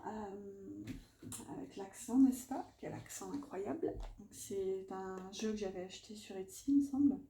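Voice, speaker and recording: A woman with a mid-range, dark-toned voice speaks a little slowly as she lays out oracle cards in a casual reading. She's chatty, muttering to herself with plenty of fillers, recorded in an echoey room with faint background noise.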